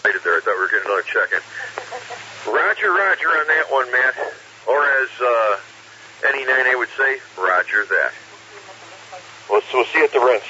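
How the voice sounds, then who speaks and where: A man's voice: medium pitch, expressive, moderate pace, pauses often, bright, forceful tone. A man with a folksy, joking way of talking, casually hosting an amateur radio net as net control, over a radio transmission with static. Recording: hissy, muffled radio with static.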